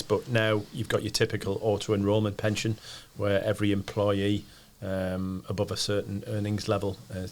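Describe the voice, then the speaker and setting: A man speaking as a pension adviser on a podcast, explaining things in a conversational way. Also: lowish voice.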